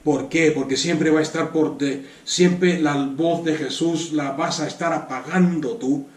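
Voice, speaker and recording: Spanish man, fairly high voice, preaching a sermon from a distance in a roomy church hall. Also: fairly even intonation, a little slow. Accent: Spanish from Spain. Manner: earnest, repeats words for emphasis, asks the congregation rhetorical questions. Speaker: pastor.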